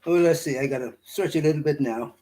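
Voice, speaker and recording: A Bahamian man giving an informal Bible study, reading verses slowly and pausing often with fillers and restarts. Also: fairly high pitch, dark tone. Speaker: Bible teacher. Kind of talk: slow informal scripture study talk.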